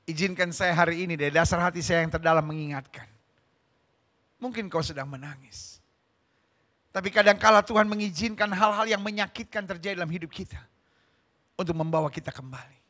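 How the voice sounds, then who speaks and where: A man preaching a sermon in a strikingly high, very bright and ringing voice. He is a middle-aged pastor who drives his points with fervor. His delivery moves between hushed stretches and emphatic, forceful ones. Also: a little fast, long pauses.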